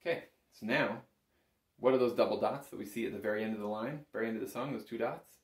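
In a small indoor room crowded with instruments, a man with a lowish voice talks fast as he teaches bagpipes. His lesson is casual and methodical, with beat counting and frequent check-ins. A camera placed slightly in front captures him, adding a roomy echo.

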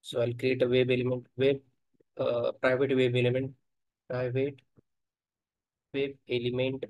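A man talks through software testing as he types in a screen-capture coding lesson, hesitant, thinking out loud and filling gaps with fillers. Medium pitch and monotone, recorded roughly with no room sound.

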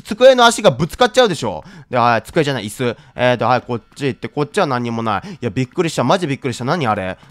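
A man giving excited commentary on a horror game, easily scared into loud cries and repeating short phrases over and over. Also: medium pitch, very fast, few pauses. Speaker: gaming video host.

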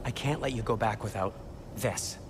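An actor voicing an anxious, fussy dwarf smith in a video game cutscene, speaking in a worried way. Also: male voice, on the low side, normal speed, background noise, lightly acted.

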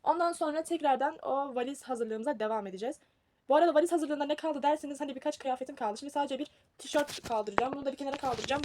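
A woman's voice: high-pitched, slight background noise. A young woman, rambling and teasing herself as she films a casual packing vlog. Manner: chatty, rambling, self-mocking. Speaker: vlogger.

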